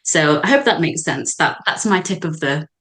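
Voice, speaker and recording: Low-voiced young woman, earnest and reflective. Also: animated, normal speed, a bit bright. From Zambia. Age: young adult. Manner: earnest, encouraging, reflective with frequent fillers. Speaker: podcast guest, doctor. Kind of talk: casual podcast conversation.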